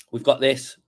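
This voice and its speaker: Hosting a crypto livestream, this man chats his way through the charts, rambling casually with lots of fillers and restarts. His voice has a slight croak.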